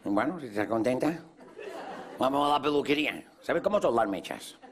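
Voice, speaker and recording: A man's voice: mid-range voice, animated, normal speed. A man with a Mallorcan accent performing stand-up comedy in character as a boastful self-styled latin lover, in a café before a live audience. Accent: Mallorcan Spanish. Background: audience laughter.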